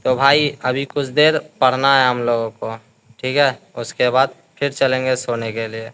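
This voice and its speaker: A man's voice: mid-range voice, level tone, measured pace, fairly bright tone, slight background noise. A man vlogging outdoors, chatting casually to his viewers. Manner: chatty, addressing viewers as guys. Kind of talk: casual vlog chat. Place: outdoors in the wind.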